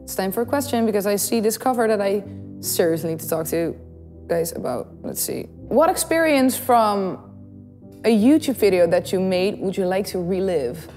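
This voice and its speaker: Soft music plays beneath a long reverb tail as a young Dutch-accented YouTube host and singer tells giggly, animated stories straight to camera. Her voice is mid-range at normal speed, captured by a studio condenser mic on her desk in a small blue-backdrop studio.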